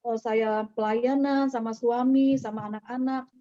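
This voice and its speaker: A woman's voice: fairly high pitch, steady tone, unhurried, mellow. A middle-aged woman gives a personal testimony to a church audience. She tells her story conversationally and acts out the dialogue she quotes. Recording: slightly dull, dry recording.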